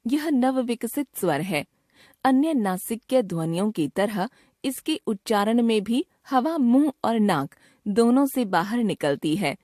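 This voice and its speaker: Female teacher voice-over, unhurried, lively pitch, dry close sound, careful diction. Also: dry recording. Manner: slow, clearly enunciated word lists. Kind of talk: scripted grammar lesson narration.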